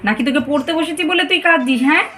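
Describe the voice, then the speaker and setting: An exasperated mother nags briskly at her crying child in a cartoon, as a woman voices her. She talks fast and high. Clear background noise and clicks run through the recording. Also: lightly acted. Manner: brisk, nagging.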